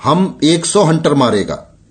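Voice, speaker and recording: A man's voice: fairly high pitch, sing-song, takes it slowly, pitched above the performer's own voice. A man voicing a drunk, brutal colonial agent who barks orders in broken Hindi. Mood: angry.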